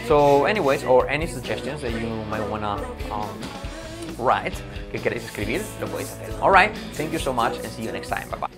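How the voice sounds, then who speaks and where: Male teacher, mid-pitched, drills English phrases slowly and patiently, video lesson. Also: lively intonation, music in the background. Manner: switches between Spanish and English.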